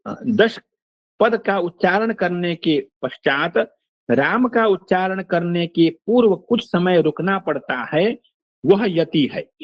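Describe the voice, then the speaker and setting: An older man lectures on phonetics in an unhurried, deliberate way, his voice sitting fairly high for a man. He stops often to recite verses and word examples. The recording is dry and slightly dull, with a lo-fi edge. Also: dry recording. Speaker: Sanskrit phonetics teacher. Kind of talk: lecture explaining a text line by line.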